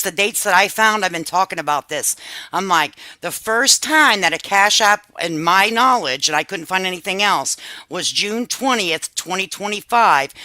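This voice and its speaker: Hosting a reaction commentary channel, this woman stops another video to chat over it, telling off commenters and poking fun at herself with laughter. She speaks at a mid-range pitch in a bright, forceful tone, recorded with no echo.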